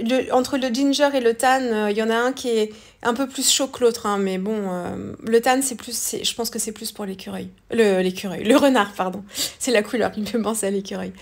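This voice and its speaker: Hesitant woman explaining crafts. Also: on the high side. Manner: hesitant, many fillers and self-corrections. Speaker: craft tutorial host. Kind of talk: casual voice-over art tutorial.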